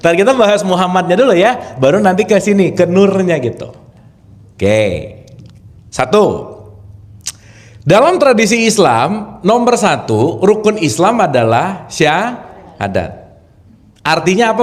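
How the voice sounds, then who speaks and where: Lively high-voiced man teaching a class. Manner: chatty, quizzes the audience, laughs often. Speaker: spiritual teacher. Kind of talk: informal religious lecture to an audience.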